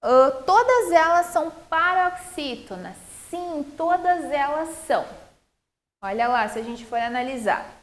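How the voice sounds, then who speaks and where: A Brazilian woman teaching a recorded primary school lesson, explaining in a lively, sing-song teacherly way to children. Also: high-pitched, unhurried. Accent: Brazilian Portuguese.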